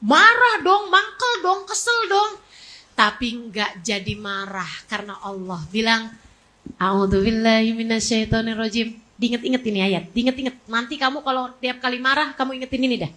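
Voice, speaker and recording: Brief: a high-voiced woman preacher in her forties, from West Java, casual and emphatic. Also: moderate pace, rough recording. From West Java, Indonesia. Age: 40s. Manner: emphatic, repetitive, animated storytelling. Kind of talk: casual sermon.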